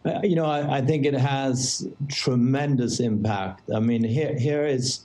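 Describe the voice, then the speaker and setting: A man's voice: mid-range voice, unhurried, warm tone. A man appearing as a legal analyst on a news show, speaking hesitantly with many fillers. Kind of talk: live news commentary.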